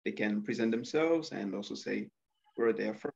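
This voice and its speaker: This is a young man from Rwanda giving a screen-share demo of his student coding project over video call. He speaks on the low side, gravelly, at a moderate pace, with hesitant delivery full of fillers, and the lo-fi recording is slightly dull.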